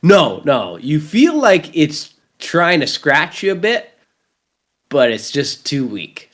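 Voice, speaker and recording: Taking it slowly in a voice on the high side, this Canadian-accented podcast host in his thirties rambles through casual, lively stories and swears freely.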